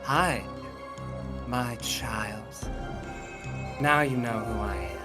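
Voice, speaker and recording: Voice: medium pitch, extremely slow, pitched below the performer's own voice. A game master voicing a mocking, shapeshifting female mirror entity with smug, teasing talk over faint music.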